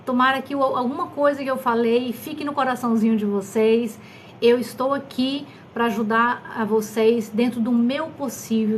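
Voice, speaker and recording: A woman's voice: a little high, slight background noise. A woman in her fifties, a doctor answering questions on a live stream, affectionate and often checking in with her listeners.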